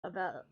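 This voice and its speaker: Over heavy background noise, a young woman streamer chats casually in a very high, congested voice. She's chatty and self-deprecating, full of giggly asides.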